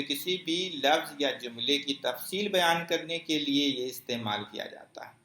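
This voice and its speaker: A male teacher giving an exam-prep grammar lesson, explaining step by step, asking questions and answering them himself, and repeating key phrases slowly. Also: on the high side, bright, forceful tone, echoey room.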